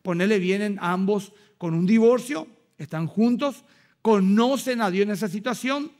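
A man with a Paraguayan Spanish accent preaching a sermon as pastor, animated and acting out little dialogues with rhetorical asides. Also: high-pitched, moderate pace.

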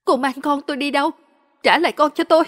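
A woman's voice: high-pitched, animated, normal speed, long reverb tail, pitched above the performer's own voice. A woman reading a story aloud, voicing a desperate young mother who begs tearfully for help. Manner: pleading, tearful.

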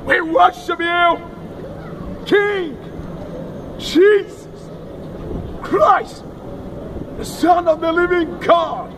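Older man, street preaching, slow repeated chant, wind and street noise. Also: extremely high pitch. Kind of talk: open-air street preaching. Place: town square outdoors, kneeling on a mat. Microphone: distant handheld camera. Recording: distant outdoor street recording with noise.

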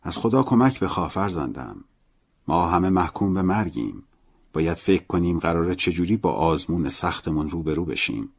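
A man voicing a gentle, earnest male prison priest in an audiobook, speaking softly and in a paternal way. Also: deep voice, lively intonation, gravelly, breathy edge, full character voice. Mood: pleading.

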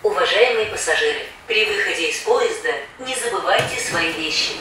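A woman making formal, calmly paced station announcements, played over the train loudspeaker. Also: normal speed. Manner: calm, formal, evenly spaced phrasing. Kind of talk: recorded transit announcements. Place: metro train car. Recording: echoey loudspeaker heard from far off in a noisy train car. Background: rumbling train noise.

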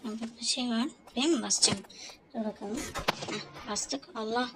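A woman's voice: fairly high pitch, steady tone, a little fast, background noise. A woman doing casual let's-play commentary, talking to herself and the game with jumpy exclamations. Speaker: gamer.

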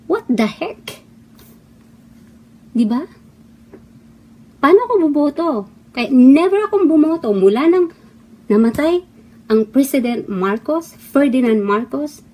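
A middle-aged Filipino woman, once an actress, shares her opinions in an impassioned monologue delivered abroad, away from the Philippines. Her high, mellow, expressive voice moves slowly with frequent pauses as she scolds heatedly, piling up mocking rhetorical questions.

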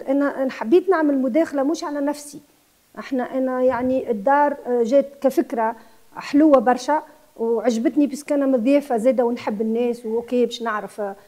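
Appearing as a TV interview guest, a guesthouse owner from Tunisia talks with passion and weaves French words into what she says. She is in her sixties, and her voice is high yet dark in tone.

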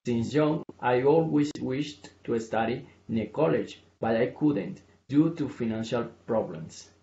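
A man from Colombia, a graduate giving a short prepared speech, earnest and slightly halting. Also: mid-range voice, creaky, warm tone, reverberant, lo-fi sound. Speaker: graduate and donor.

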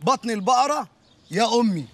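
A man's voice: very high voice, lively intonation, fairly quick, fairly bright tone, full character voice. A man with an Egyptian accent playing a boastful aspiring singer who rambles about his plans. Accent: Egyptian Arabic.

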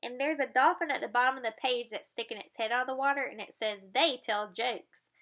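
A woman reads a children's picture book aloud, explaining each page and throwing in playful sound effects. Her voice is bright and sits a little high. She keeps it plain and friendly for young listeners. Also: quick pace.

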